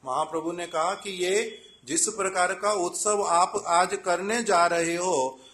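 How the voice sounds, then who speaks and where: A man giving a devotional sermon at a temple festival. He recites verses and explains each one in plain talk, telling the story in a measured way. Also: high voice, steady tone, a bit bright.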